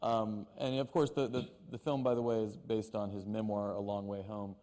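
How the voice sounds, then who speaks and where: A man interviewing two actors, asking questions in a measured, hesitant way with pauses. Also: on the low side, flat delivery, dark tone, in a large hall. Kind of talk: press interview.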